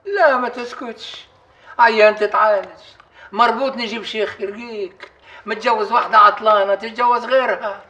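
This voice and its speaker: A stubborn bedridden old chief. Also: male voice, sits high, fairly even intonation, normal speed, bright, forceful tone, highs cut off. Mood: scolding. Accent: Upper Egyptian. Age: older. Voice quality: commanding, scolding. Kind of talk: period TV drama acting.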